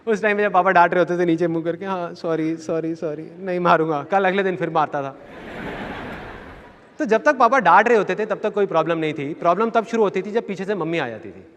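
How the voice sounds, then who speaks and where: A man's voice: high-pitched, lively intonation, fast talker, fairly bright tone. A man giving a motivational seminar talk, telling stories and acting out the voices of people in them, repeating his key phrases. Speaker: motivational speaker. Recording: long hall reverb, faint audience.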